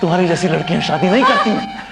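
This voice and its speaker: An actor playing a menacing male serial killer who taunts and mocks his victim, repeating himself and swinging between whispers and shouts. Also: on the high side, fast talker, creaky, loud music behind the voice. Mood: mocking. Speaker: villain in a TV crime drama.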